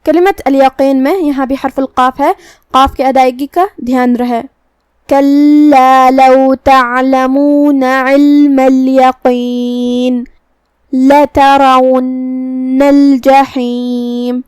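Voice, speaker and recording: A woman teaching Quran recitation, explaining the pronunciation of each letter slowly and carefully. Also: sits high, darkish tone, dry recording. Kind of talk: Quran recitation lesson in Urdu.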